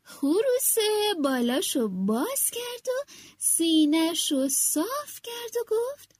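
A woman reading a children's animal story aloud in an animated storyteller manner. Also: extremely high pitch, no room sound, clean studio sound. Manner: animated, does all the animal voices.

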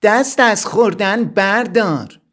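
A man voicing a clever, determined young child hero in a storybook reading, given to shouting and sly, quick-witted talk. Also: on the high side, sing-song.

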